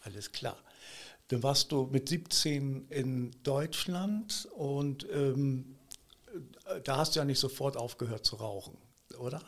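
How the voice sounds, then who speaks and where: A man hosting a podcast interview, gently prompting his guest with questions. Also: medium pitch, slow pace. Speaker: podcast host. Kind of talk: casual interview talk.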